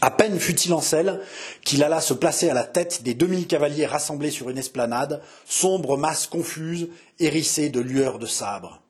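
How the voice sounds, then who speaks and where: A man narrating a historical novel in a dramatic, measured reading. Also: a little high.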